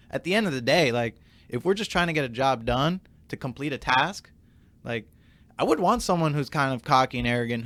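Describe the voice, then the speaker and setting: A man's voice: mid-range voice, a bit bright, no echo. A man on a discussion panel, posing questions in a loose, conversational way. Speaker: podcast panelist. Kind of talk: casual discussion.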